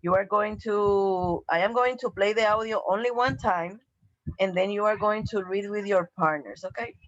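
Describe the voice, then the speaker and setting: A woman who speaks Spanish as her first language, teaching an online English class with slow, patient explanations and frequent "okay?" checks. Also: medium pitch, no echo, dull audio.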